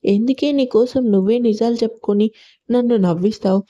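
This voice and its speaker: A woman voicing a tender, devoted young husband who coaxes his wife gently. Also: fairly high pitch, brisk, close to an everyday voice. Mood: coaxing. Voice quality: gentle, coaxing. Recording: lo-fi audio.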